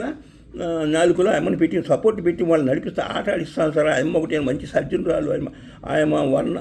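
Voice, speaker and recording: Male devotee, slightly high gravelly voice, earnest halting storytelling to an interviewer. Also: darkish tone, a little hiss or hum. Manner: earnest, halting, addresses listener as sir. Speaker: devotee telling a vision. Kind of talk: rambling spiritual talk to an interviewer.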